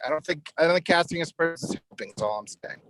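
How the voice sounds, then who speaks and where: A man's voice: a little high, expressive, fast, a bit bright, rough recording. A man speaking in a public meeting over a video call with a choppy connection, earnest and repeating words as he makes his point. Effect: video call audio with a connection breaking up. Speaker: town meeting participant.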